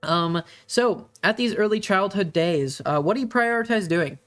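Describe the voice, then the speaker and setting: A game master narrating a tabletop game in a hesitant way, with many pauses and fillers. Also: medium pitch, fairly bright tone.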